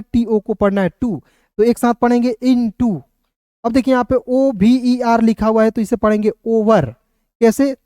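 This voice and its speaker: Teaching phonics online in a very high-pitched, mellow voice, the man spells words letter by letter and asks viewers questions he then answers, chatting to them as friends. The recording is dry.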